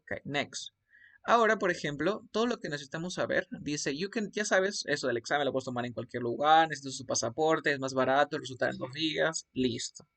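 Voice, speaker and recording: A Spanish-speaking man with a fairly high voice teaches an online class over a computer mic. He explains each point patiently and keeps checking that the student is following. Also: fairly quick, vocal fry, fairly bright tone. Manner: explains step by step, often checks with "¿ok?". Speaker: English teacher. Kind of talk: online class with screen share.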